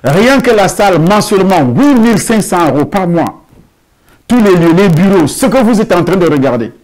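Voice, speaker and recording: Male pastor, slightly high voice, emphatic sermon delivery, drawn-out phrases. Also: expressive, a little mellow. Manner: emphatic preaching, drawn-out phrases, rhetorical questions. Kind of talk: sermon with a testimony. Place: church hall.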